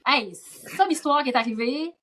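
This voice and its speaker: Woman guest, actress, softened Gaspésie accent, raised pitch, lively conversational storyteller. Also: moderate pace. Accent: Gaspésie French, softened toward standard Quebec French. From Gaspésie, Quebec. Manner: chatty, lively storytelling full of asides. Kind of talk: casual podcast conversation.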